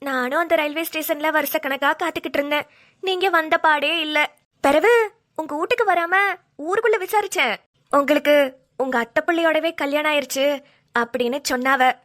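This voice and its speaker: High tearful woman voicing a cartoon. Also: fairly quick, a bit bright. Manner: tearful, pleading, rural dialect. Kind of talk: melodramatic cartoon voice acting.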